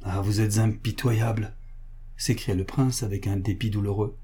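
Brief: man playing a smitten, flustered prince, low, soft and mellow. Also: fairly even intonation, moderate pace, slightly rough. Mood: pleading. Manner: plaintive, flustered. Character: infatuated, vexed middle-aged prince. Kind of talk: audiobook character reading.

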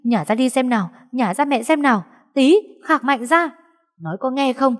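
A woman's voice: low-pitched, expressive, normal speed, dark tone, breathy edge. A woman reading a story, voicing a bitter, proud mother who talks sharply and with scorn. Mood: panicked.

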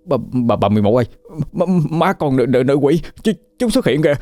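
A man's voice: medium pitch, sing-song, fast, mellow, no echo, pitched above the performer's own voice, close to an everyday voice. A man voicing terrified young village men who stammer in fear.

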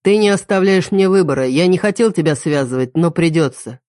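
A woman's voice: lowish voice, lively intonation, brisk, dark tone, no echo, studio quality, lightly acted. Woman doing a taunting possessive kidnapper. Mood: menacing. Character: obsessive young male kidnapper, mocking and possessive.

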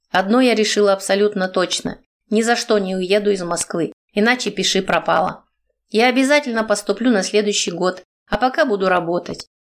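Woman narrating an emotional audiobook. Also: mid-range voice. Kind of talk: first-person audiobook narration.

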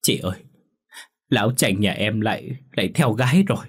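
A man's voice: on the low side, animated, normal speed, breathy edge. A man voicing a jealous young wife who pleads through sobs in a ghost story audiobook. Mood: tearful pleading. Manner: pleading, sobbing complaints. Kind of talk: audiobook character voice.

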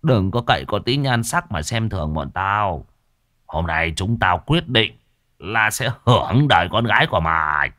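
A man's voice: lively intonation, moderate pace, bright, forceful tone, no room sound, clean studio sound. A man voicing a cocky young male village thug who taunts and jeers in a story reading. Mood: menacing. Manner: mocking, shrill taunting wails.

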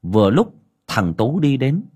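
A man narrating a village story as an audiobook in a dramatic, expressive way. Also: medium pitch, a little slow, slightly rough.

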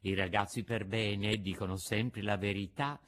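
A man doing a soft, slow-spoken motherly fairy. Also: fairly low pitch, fairly even intonation, voice pushed down. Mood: gentle. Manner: soft, measured, admonishing. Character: gentle, patient motherly fairy woman.

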